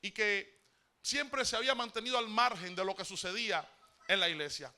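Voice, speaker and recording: Bright-voiced Cuban preacher telling a story. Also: male voice, high voice, moderate pace. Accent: Cuban Spanish. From Cuba. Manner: animated storytelling, repeats words, addresses listeners as brother. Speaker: guest pastor. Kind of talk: sermon.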